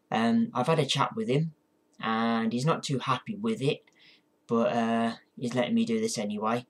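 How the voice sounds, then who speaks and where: A man talking casually through an instructional vlog, hesitant and apologetic, with encouraging words for his viewers. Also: medium pitch. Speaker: amateur ventriloquist giving a tutorial.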